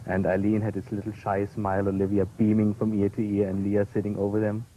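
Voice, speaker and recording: Low, flat man fondly reminiscing. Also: brisk, a little hiss or hum. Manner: fond, storytelling. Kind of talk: reminiscing in an interview. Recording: dull lo-fi recording.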